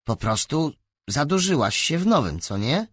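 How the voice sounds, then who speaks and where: Man reads sarcastic teen boy from a storybook, dry close sound, lively pitch. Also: moderate pace, no room sound. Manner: mocking, skeptical. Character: sarcastic teenage boy, wary, teasing.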